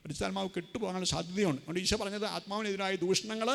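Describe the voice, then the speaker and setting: A priest with a Kerala Malayalam accent preaching a sermon at a conference, telling stories and voicing quotes with lively shifts. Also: male voice, sits high, rapid-fire, gravelly, long reverb tail. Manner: animated storytelling with voiced quotes. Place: large conference hall.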